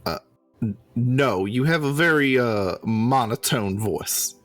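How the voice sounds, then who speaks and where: A man's voice: mid-range voice, lively intonation, slow pace, a bit bright, faint music behind. A man playing a tabletop game, improvising in-character chat in a hesitant, politely worded way.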